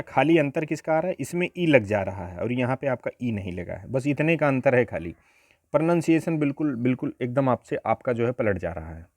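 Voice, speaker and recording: A man's voice: medium pitch, a little mellow, no room sound, clean studio sound. A man teaching an exam-prep grammar lesson, explaining step by step and often asking rhetorical questions.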